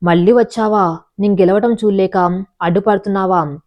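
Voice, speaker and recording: A woman's voice: mid-range voice, steady tone, normal speed, muffled recording, lightly acted. A woman voicing an arrogant young male trainee, the younger brother, in a read-aloud story. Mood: defiant. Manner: defiant, arrogant.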